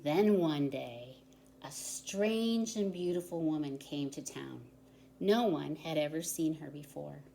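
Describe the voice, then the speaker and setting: Low, gravelly and mellow, a woman's voice moves slowly through a story for young children. She's a volunteer who explains in simple terms and drops in chatty asides and questions to the listeners, with an echoey room and background noise around her.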